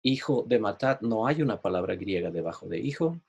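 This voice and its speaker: With a lowish, slightly mellow voice marked by vocal fry and a breathy edge, a Bible teacher speaks a little fast with lively intonation. He explains patiently in an online class, shares his screen, and repeatedly asks "¿ok?" to check understanding. The sound is lo-fi.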